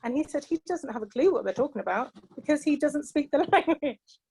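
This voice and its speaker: This panel guest is a middle-aged woman from England whose high, creaky voice carries a dark tone and moves fairly quickly with plenty of expression. Her British-accented reflections are personal and heartfelt, peppered with "you know."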